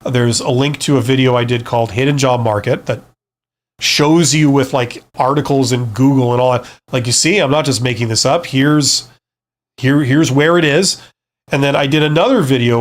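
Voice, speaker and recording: A man speaks at a medium pitch and moderate pace while hosting a casual live stream. He's a career advisor and former CEO who gives frank, conversational advice, often checking in with the listener along the way.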